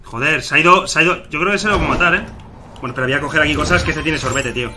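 Man, rapid shouty gameplay callouts, high-ish voice. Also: background noise. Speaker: gaming streamer playing with friends. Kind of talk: excited team callouts during online gameplay.

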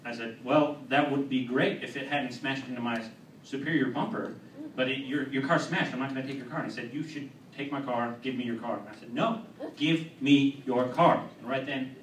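A young man performing a stand-up set in a comedy club, with a deadpan, halting delivery full of fillers and restarts. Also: mid-range voice, slight background noise. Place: comedy club with live audience. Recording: roomy, distant club mic with crowd.

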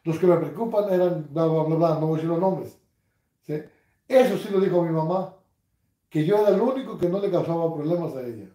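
A man, hosting a casual livestream from his couch, reading comments with crude, mocking humor and bursts of loud laughter. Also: on the high side, fairly quick, roomy sound. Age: 60s. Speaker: livestream host. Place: living room, seated on a couch at home.

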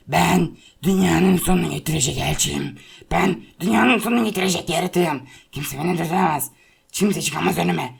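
A woman voicing a male hero turned into an angry fire monster in a toy play-acting video, with a strained, gravelly voice and threatening or pleading delivery. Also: lowish voice, pitched below the performer's own voice, exaggerated voice. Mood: menacing. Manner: pleading, then raging threats.

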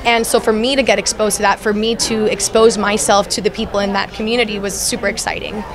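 This young actress from Miami talks fast in a mid-range, level voice during a casual interview at a crowded event. Earnest and full of restarts and fillers, she speaks into the interviewer's handheld mic as crowd noise carries on behind her.

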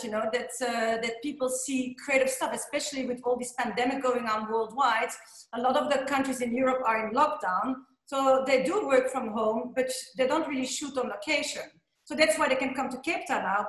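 Joining a relaxed interview by video call from a bright, spacious office, a Belgian woman in her forties speaks in a slightly high voice, animated and gesturing, sprinkling in "you know." The laptop webcam mic picks up the room's echo.

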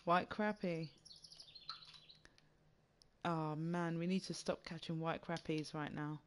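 A man's voice: a little high, flat delivery, slow, clear, resonant tone. A man with a slight lisp streaming a fishing game, chatting casually with friends and stumbling over words now and then. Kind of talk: casual gaming chat.

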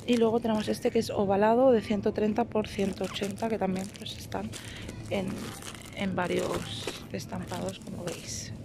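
A woman's voice: medium pitch, flat delivery, normal speed, creaky, noisy background. Chatty woman filming a store walkthrough. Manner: chatty, hesitant, with fillers while reading labels. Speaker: shopping vlogger. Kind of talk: casual shop walkthrough. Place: indoors in a large store aisle. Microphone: phone held while filming.

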